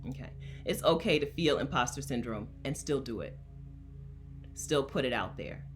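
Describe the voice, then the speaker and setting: Talking to her viewers in a chatty, emphatic way, this Delaware woman, a coach and livestream host, laughs a lot. She has a bass voice with expressive delivery at a moderate pace, and soft music plays behind her.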